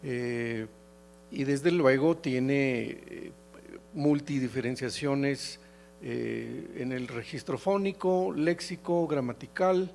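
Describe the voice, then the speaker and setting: Slow, gravelly Mexican man lecturing. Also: mid-range voice, a little mellow, slight background noise. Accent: Mexican Spanish. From León, Mexico. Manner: halting, frequent hesitations and restarts. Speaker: keynote lecturer. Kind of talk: academic conference lecture.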